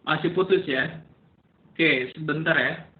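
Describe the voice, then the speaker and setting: A man's voice: fairly high pitch, a little slow, roomy sound, phone-quality sound. A man giving an online lecture, casually checking whether he can be heard, his voice breaking up on a choppy call line. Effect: choppy, breaking-up call audio.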